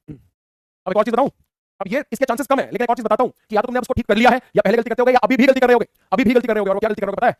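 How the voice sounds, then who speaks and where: A high-voiced man rattling through a class at top speed, teasing students with "है ना" after almost every line. He sounds like a teacher talking close to the mic in a dry room with no echo. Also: racing. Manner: teasing, playful, repetitive tag questions. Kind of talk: fast online class lecture.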